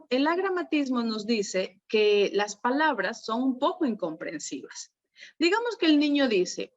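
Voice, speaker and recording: Ecuadorian woman workshop leader, higher voice, lively and quizzing, dull lo-fi call audio. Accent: Ecuadorian Spanish. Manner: lively, questions the audience often. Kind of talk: virtual workshop teaching.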